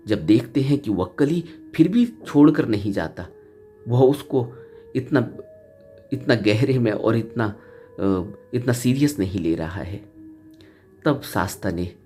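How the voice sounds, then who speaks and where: A man delivers a slow, earnest spiritual talk, circling back over his phrases to drive the point home. His voice sits low and dark in tone. A faint flute plays underneath. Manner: earnest, repeats phrases for emphasis, rises in pitch for key points. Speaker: spiritual teacher. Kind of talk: Hindi dharma discourse retelling a Buddhist story. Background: soft flute music.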